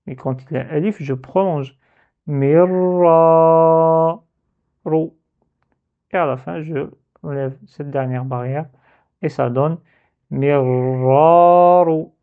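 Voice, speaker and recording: A man teaching Arabic letter reading in a slow, patient step-by-step lesson, drawing out each syllable. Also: medium pitch, gravelly. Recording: tinny phone-like sound.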